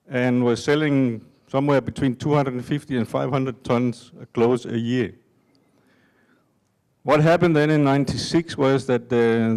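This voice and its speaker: An older man from Denmark giving a conference talk in an unhurried, halting way with many fillers. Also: medium pitch, darkish tone. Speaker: conference speaker. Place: conference hall.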